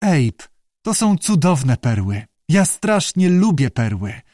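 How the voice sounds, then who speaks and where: A frightened, pampered young actress, put on by a man whimpers and pleads in a high, lively voice that swoops up and down. The reading is close and dry, with no room sound. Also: takes it slowly, dry recording, full character voice. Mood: amazed.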